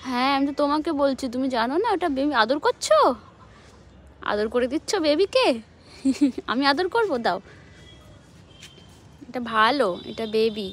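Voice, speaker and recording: A woman's voice: high-pitched, lively intonation, moderate pace, long pauses. A young mother talking to her small child in a sing-song, coaxing way while filming outdoors in a rooftop garden. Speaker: mother and vlogger.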